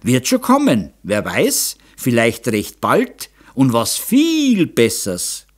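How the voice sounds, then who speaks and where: A man's voice: mid-range voice, huge pitch swings, slow, exaggerated voice. A man voicing a scheming, doting Bavarian mother who coaxes and lectures her daughter. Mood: coaxing. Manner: coaxing, lecturing. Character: scheming middle-aged mother, fussy and doting. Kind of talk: audiobook character voice.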